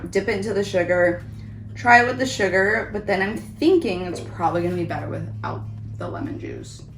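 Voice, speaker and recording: A woman's voice: medium pitch, lively intonation, brisk, soft background music. A woman giving a casual, chatty food review as host of a taste test vlog. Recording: roomy echo, background noise.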